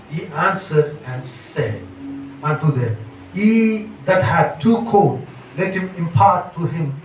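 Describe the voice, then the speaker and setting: A man reading scripture aloud in a church, slowly and carefully, stumbling over hard names. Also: a little high. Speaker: scripture reader. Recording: echoey church hall, far from mic, faint noise.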